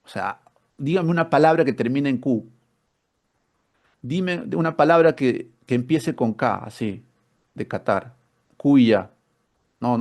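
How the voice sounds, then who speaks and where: A man's voice: medium pitch, gravelly, darkish tone. Man teaching a spelling class. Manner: explanatory, asks rhetorical questions, repeats words. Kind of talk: online spelling workshop lesson.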